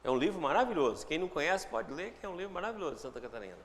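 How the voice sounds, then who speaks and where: A man's voice: a little high, sing-song, very fast, fairly bright tone, big-room sound, slight background noise. A man giving a reflective spiritual talk with a Brazilian Portuguese accent, acting out inner dialogues in shifting voices. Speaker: spiritual teacher.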